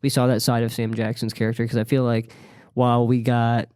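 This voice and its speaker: A man co-hosting a podcast, talking haltingly about a movie, with plenty of "like" and restarts. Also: mid-range voice, little pitch movement, darkish tone, clear, resonant tone, dry recording, studio quality. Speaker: podcast co-host. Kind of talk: casual movie review chat.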